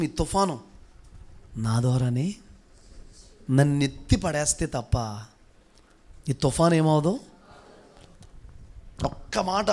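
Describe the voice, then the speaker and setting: A pastor delivers a sermon in a notably high voice for a man. He drives his points with strings of rhetorical questions, pushing some lines loud and drawing others out slow and quiet. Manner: preaching with rhetorical questions, swinging between loud and hushed.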